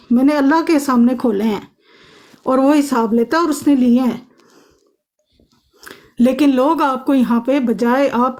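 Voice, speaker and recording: A woman's voice: high-pitched, darkish tone. A woman on a phone live stream arguing emphatically, insisting the other person listen to her. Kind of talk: heated live-stream argument.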